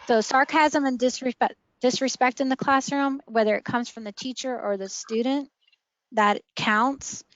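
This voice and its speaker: A woman's voice: sits high, fairly even intonation, normal speed, a bit bright, no echo. Female early learning trainer, upbeat instructor, dry muffled line. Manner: friendly, explains with classroom examples. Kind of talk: online training session. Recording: dull dry lo-fi audio.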